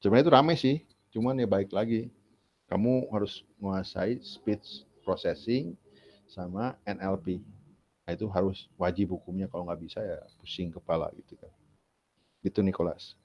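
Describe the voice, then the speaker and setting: In a dull, lo-fi classroom recording, a university lecturer with a low-pitched, darkish voice speaks at a moderate pace. He keeps the lecture casual and chatty, asking rhetorical questions as he goes.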